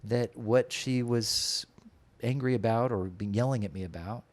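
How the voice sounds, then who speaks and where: A man's voice: medium pitch, measured pace. A man as a podcast guest in casual conversation, talking openly and reflectively with many filler words.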